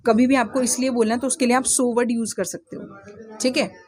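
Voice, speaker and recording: A woman teaching English to children, slowly spelling out words letter by letter, often checking in with the learners. She speaks English with an Indian accent. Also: a little high, fairly even intonation, a little mellow, a little hiss or hum. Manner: slow, patient, spells words letter by letter and asks questions; often checks in with "theek hai?". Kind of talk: spoken English lesson for children in Hindi.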